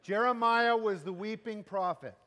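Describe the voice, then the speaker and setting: Joking pastor preaching in a reverberant hall. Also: male voice, sits high, measured pace, sharp tone. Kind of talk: bilingual sermon with interpreter.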